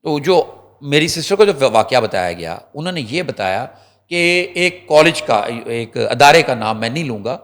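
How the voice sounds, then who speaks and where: Animated man telling stories on a talk show. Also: mid-range voice. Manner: animated storyteller, addresses viewers directly. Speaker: news reporter and talk show guest.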